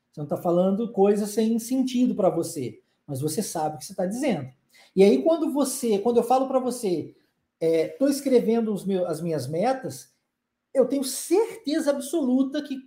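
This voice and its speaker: A Brazilian woman teaches an English lesson in a mellow, higher-pitched voice that swoops up and down. She coaxes her students along, checks in with them often, and slows right down for the model sentences. The room around her is echoey. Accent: Brazilian Portuguese. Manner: lively, coaxing, with frequent check-ins to the listener; says English model sentences slowly and deliberately. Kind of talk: live online language lesson.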